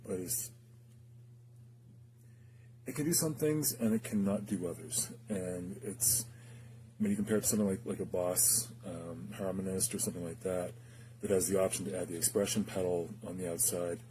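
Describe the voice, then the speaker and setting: A man reviewing gear demonstrates a guitar effects pedal informally and off the cuff, speaking haltingly as he works things out aloud. His voice is low and normally paced with frequent pauses, and there's background noise.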